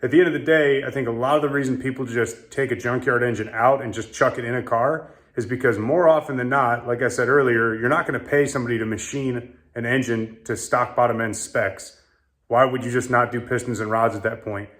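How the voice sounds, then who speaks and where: A man's voice: medium pitch, fairly even intonation, a little fast, a bit bright. A man hosting a casual car-build vlog, talking in a plainspoken, matter-of-fact way and running through part costs. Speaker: car builder and channel host.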